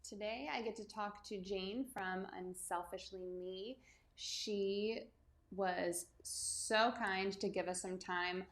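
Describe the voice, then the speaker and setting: A woman's voice: mid-range voice, fairly even intonation, slow pace. A woman hosting a podcast, chatting in a friendly, rambling way while recording outside in her backyard. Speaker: podcast host, running coach. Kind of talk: casual podcast intro and interview. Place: outdoors in a backyard.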